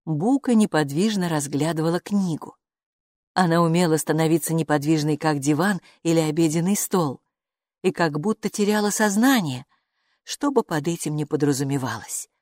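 A woman narrating a children's story in a playful, expressive storybook manner. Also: low-pitched, normal speed, no echo, clean studio sound. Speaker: audiobook narrator.

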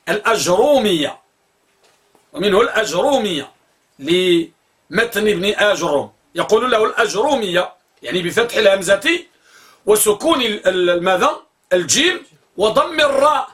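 A man giving a grammar lesson, explaining how a word is pronounced, repeating it slowly and putting questions to his students. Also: high voice, animated, fairly bright tone. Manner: explanatory, repeats words slowly to spell out vowels, asks the class questions. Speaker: grammar teacher. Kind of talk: classroom lecture on pronunciation.

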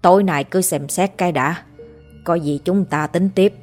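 A woman voicing a gruff old grandfather, a grave digger who scolds and curses coarsely. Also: on the low side, moderate pace, darkish tone, soft background music, close to an everyday voice.

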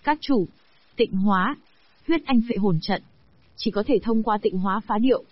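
A woman's voice: medium pitch, moderate pace, no echo, lightly acted. A synthetic woman's voice reading a loyal male advisor. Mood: respectful. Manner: even, machine-read delivery. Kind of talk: AI-voiced audiobook dialogue. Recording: dry, dull lo-fi audio.

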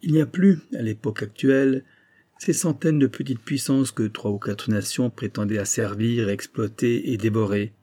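A man's voice: on the high side, expressive, moderate pace, mellow, husky, pitched above the performer's own voice. A man reading aloud and voicing a proud, haughty doctor who lectures with emphasis and veiled menace. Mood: lecturing. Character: proud, threatening Japanese male doctor, middle-aged.

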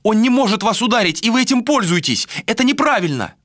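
A shrill, frightened young woman, voiced by a man. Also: sing-song, normal speed, fairly bright tone, no echo, clean studio sound. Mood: indignant. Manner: high shrill pleading cries. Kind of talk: audiobook character voice.

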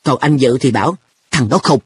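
A man's voice: mid-range voice, animated, normal speed, a little hiss or hum, close to an everyday voice. A man voicing a carefree, teasing schoolboy in a storybook reading, with an offhand, blunt way of talking. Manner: offhand, blunt boyish talk. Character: boy An, carefree, teasing, money-minded.

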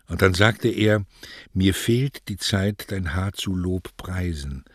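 A man voicing a wistful young woman in love, speaking softly and hushed. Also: sits low, slow, no room sound, clean studio sound. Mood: dreamy. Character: dreamy lovestruck young woman.

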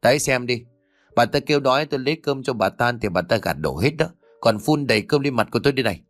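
A man voicing a cruel middle-aged daughter-in-law who scolds harshly and fast, in a lively reading. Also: mid-range voice, no echo, soft background music, close to an everyday voice. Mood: berating.

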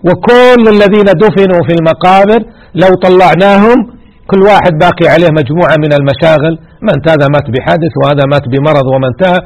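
A man's voice: high-pitched, racing, darkish tone. A man teaching a religious lesson, exhorting his listeners and repeating key words for emphasis. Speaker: sheikh teaching hadith.

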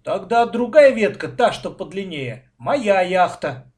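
A man's voice: sits high, very animated, slow, voice pushed up, heavily acted. A man voicing an argumentative young boy in a children's storybook reading. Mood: arguing. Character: arguing young boy, the narrator's brother.

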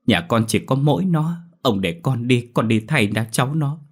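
A man's voice: medium pitch, lively intonation, normal speed, breathy edge, pitched above the performer's own voice. A man voicing a poor mother in her sixties who begs a landlord for mercy. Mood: pleading. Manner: begging, pleading.

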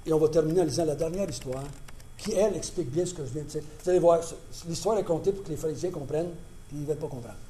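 High-voiced preacher. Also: male voice, racing, mellow, slight background noise. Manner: conversational, emphatic repetition. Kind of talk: sermon.

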